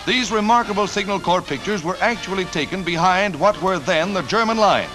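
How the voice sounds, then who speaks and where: A man's voice: high voice, brisk, poor audio. A man narrating a 1940s newsreel with a punchy announcer delivery and wry quips. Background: music score.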